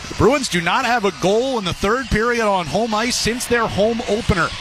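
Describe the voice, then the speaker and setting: Amid a noisy background, a high-pitched American man calls hockey play-by-play live on radio from his arena broadcast spot at normal speed. His commentary carries a dry, wry wit.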